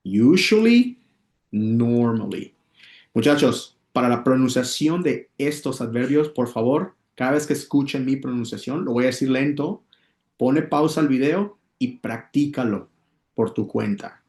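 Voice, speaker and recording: A man teaching English in a casual video lesson, often checking in with his viewers and repeating words slowly so they can practice. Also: medium pitch, darkish tone, echoey room. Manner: addresses viewers as "muchachos", checks in with "ok?".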